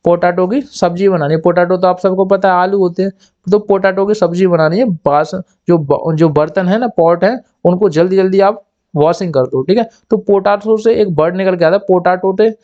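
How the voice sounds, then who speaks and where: A high-pitched man with a darkish tone teaches exam memory tricks at a normal speed over lo-fi audio. He drills key words, asks questions and answers them himself, and acts out short scenes in quoted voices.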